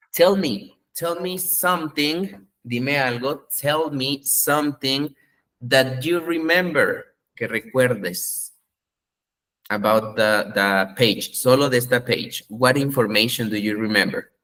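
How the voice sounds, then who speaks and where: Man, English teacher, slow unhurried delivery, patient, repeats prompts in two languages. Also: medium pitch, expressive, a bit bright. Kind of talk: bilingual online class.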